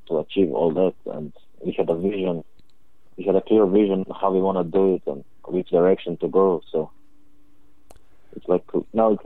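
A young man from Croatia gives earnest, halting interview answers over a thin, phone-like line. His voice sits fairly low and sounds dry and close. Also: no room sound. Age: young adult. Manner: plain, earnest, halting phrasing. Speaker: cellist guest.

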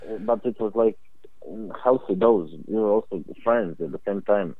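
A young man from Croatia, a cellist, answering interview questions in a plain, earnest way with halting phrasing. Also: on the low side, no echo. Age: young adult. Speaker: cellist guest. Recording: tinny phone line.

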